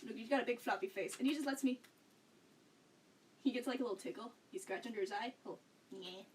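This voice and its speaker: A young woman with a fairly high voice chats to her stream viewers from a room at home, rambling from one thought to the next and laughing often. She sits a little back from the mic. A faint noise runs underneath. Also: fast, darkish tone. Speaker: livestreamer. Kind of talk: casual chat with stream viewers. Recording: slightly distant mic, faint background noise.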